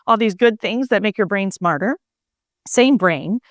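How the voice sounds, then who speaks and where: A woman's voice: mid-range voice, lively intonation, measured pace, no room sound, studio quality. A woman physician and mindfulness coach, a podcast guest, explaining her ideas in a reflective, conversational way with many fillers. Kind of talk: conversational interview.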